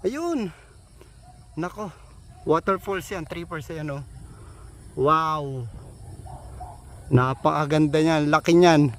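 A high-pitched man talking slowly and unhurriedly into a handheld phone while hiking a steep outdoor trail. He is out of breath and exclaims over and over at the view. Crickets and other countryside sounds are heard faintly around him. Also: slight background noise. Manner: excited, exclaims often, addresses viewers as trippers. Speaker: travel vlogger. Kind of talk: casual walking travel vlog.

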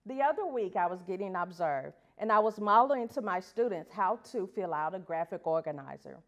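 A woman's voice: fairly low pitch, animated, brisk, lo-fi sound. Earnest woman teacher giving a talk. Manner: earnest, uses rhetorical questions to the audience; reads from prepared pages. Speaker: elementary school teacher. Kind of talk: prepared talk at an education event.

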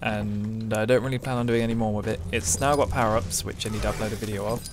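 A man's voice: fairly low pitch, fairly even intonation, fast talker, background noise. A young man from England casually commenting on a shooter game he is playing, joking and swearing at opponents. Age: young adult. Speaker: gameplay commentator. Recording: loud gunfire from the game behind.

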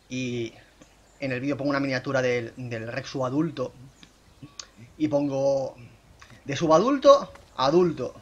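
Chatty young man. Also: dull audio. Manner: chatty, self-mocking, bursts into excited high shouts. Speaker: gaming YouTuber. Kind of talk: casual gameplay commentary.

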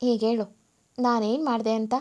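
A woman doing a gentle coaxing young husband. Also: on the high side, little pitch movement, normal speed, natural voice. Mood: alarmed. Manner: soft, coaxing.

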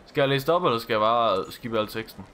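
A man's voice: mid-range voice, lively intonation, a bit bright. A young man streaming a game live, reading dialogue aloud, swearing and laughing as he plays. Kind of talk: casual live game commentary.

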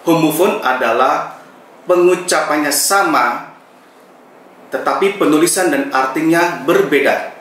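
A man teaching English grammar, reading example sentences slowly and with care. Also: a little high, fairly bright tone, slight background noise. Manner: slow, deliberate example sentences. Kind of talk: grammar lesson. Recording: echoey room, mic set far off.

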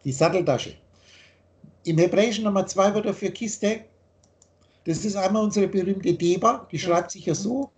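A man with a high-pitched voice lectures over a video call. He speaks emphatically as a spiritual teacher. He often repeats and rephrases his points. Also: moderate pace, a little mellow. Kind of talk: explaining ideas in a video call.

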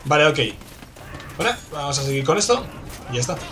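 A man with a Spanish accent from Spain, commentating a game he is playing, excitable and swearing, with sudden loud outbursts. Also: a little high, a little fast, noisy background. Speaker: gameplay commentator. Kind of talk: let's play commentary. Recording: game music in background.

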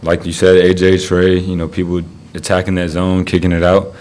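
A young college basketball player talks into a table mic at a postgame press conference. His voice is deep and fairly monotone, and he pads his answers with plenty of "um" and "you know". A faint hiss sits under the room sound. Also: moderate pace. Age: young adult. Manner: low-key, many fillers.

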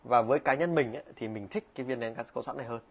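A man's voice: medium pitch, very fast, slightly rough. Guy at his desk showing off a gadget, chatty, lots of ums and restarts. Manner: chatty, frequent fillers and restarts. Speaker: product reviewer. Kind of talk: casual product demo vlog. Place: small room at a desk.

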